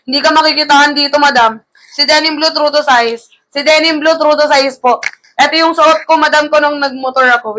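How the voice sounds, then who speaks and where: High bright woman doing live-selling patter. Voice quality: slightly gravelly through the mic. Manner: brisk, repetitive sales patter addressing buyers as madam. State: tired, low energy after shouting. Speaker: online live seller. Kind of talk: live-selling sales pitch. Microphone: close-up streaming mic.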